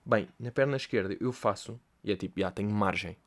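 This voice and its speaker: A man's voice: fairly low pitch, fairly quick. Rambling young Portuguese man storyteller. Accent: European Portuguese. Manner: rambling, animated storytelling with swearing and slang. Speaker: podcast host. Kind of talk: casual comedic monologue.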